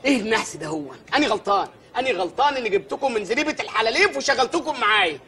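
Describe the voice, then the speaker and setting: High, fast ranting village mayor. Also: male voice, crowd noise. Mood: grumbling bluster. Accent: Egyptian Arabic. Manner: loud, excitable comic ranting and grumbling. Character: blustering, superstitious male village mayor. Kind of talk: film comedy acting.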